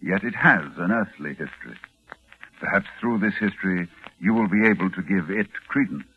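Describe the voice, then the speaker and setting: An actor playing a grave, learned doctor who narrates in formal, ominous 1940s radio style. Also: male voice, sits low, moderate pace, close to an everyday voice. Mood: ominous, urgent. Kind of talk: 1940s radio acting, dramatic scripted narration. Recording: muffled, narrow vintage 1940s radio, music.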